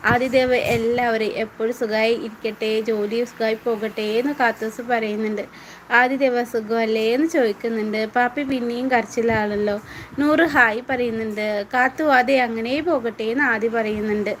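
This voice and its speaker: Woman streamer, higher pitch, casual, reads and answers viewer comments. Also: steady tone, normal speed, slight background noise, rough recording. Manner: chatty, answers viewers by name. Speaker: live-stream host. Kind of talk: casual live-stream chat, reading viewer comments aloud.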